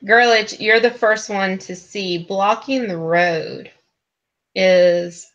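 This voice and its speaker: A woman's voice: mid-range voice, slow, fairly bright tone, highs cut off. A woman narrating a tabletop game as game master, taking her time with frequent ums.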